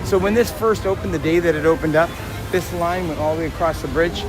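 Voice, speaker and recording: A male live stream host, hoarse and raspy from yelling at a concert, chats quickly in a fairly high voice as he walks through a busy theme park, talking to viewers and passersby. The audio is poor, and music, outdoor park sounds, and vehicles can be heard in the background.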